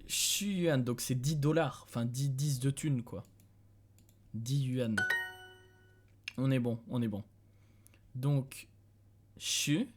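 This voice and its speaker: A young French man streams from a dim room at home, talking loosely through his session into a desk mic, thinking aloud, chuckling often and addressing viewers. His mid-range voice is slow and darkish, with long pauses. The casual live-stream commentary carries a little hiss or hum.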